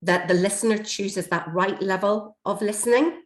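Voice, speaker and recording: Slightly hoarse from a chest infection, a learning and development trainer explains things steadily in an online workshop, often using fillers. Her mid-range voice moves at a moderate pace, captured by a computer mic on a video call in a room with echo.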